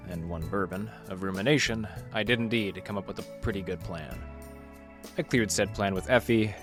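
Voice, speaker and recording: In a noir radio drama, a male actor plays a wry, hardboiled library detective, narrating in first person. His natural, fairly low voice has a dry, clipped delivery.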